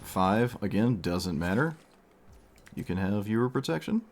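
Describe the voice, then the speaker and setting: A man's voice: fairly low pitch, animated, measured pace. A man streaming a card game, thinking aloud in casual commentary while losing his voice.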